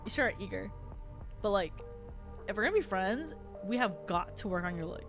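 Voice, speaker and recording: A woman's voice: mid-range voice, expressive, a little fast, over music, pitched below the performer's own voice, natural voice. A woman voicing a self-satisfied young alien streamer in a Valley Girl drawl, full of internet slang, for a game read-through. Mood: condescending.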